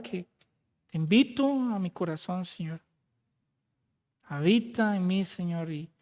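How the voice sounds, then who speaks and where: A man with a fairly high voice leads a closing prayer in a church hall. He prays fervently, ending phrase after phrase with "Lord" and letting it fall away softly. The sound carries a long hall reverb. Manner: fervent praying, repeating "Lord" at each phrase end and trailing off softly. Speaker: preacher.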